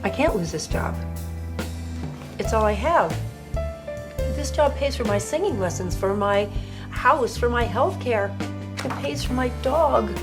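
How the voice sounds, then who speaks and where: A woman's voice: fairly high pitch, expressive, unhurried, long pauses. An actress playing a desperate woman pleading to keep her job, in a film scene. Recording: film clip with music, distant.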